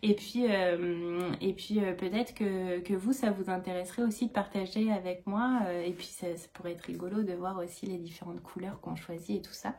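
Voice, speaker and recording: A woman's voice: on the low side, fairly even intonation, normal speed, few pauses, a little mellow. A woman in her thirties chatting casually about her knitting and crochet projects, rambling with many hesitations. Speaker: knitting vlogger. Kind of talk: casual chat.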